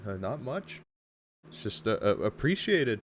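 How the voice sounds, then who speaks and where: A man voicing a gruff, concerned town councilman in a tabletop role-playing game. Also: mid-range voice, very animated, unhurried. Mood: earnest, concerned. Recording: clear background noise.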